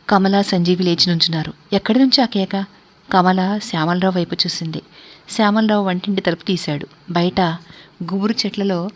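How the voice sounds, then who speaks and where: Woman reading a story steadily. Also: lowish voice. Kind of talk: scripted narration of a story.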